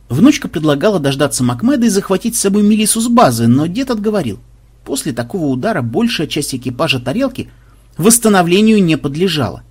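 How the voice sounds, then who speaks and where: A man narrating an audiobook in a lively storytelling manner. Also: a little high, slightly rough.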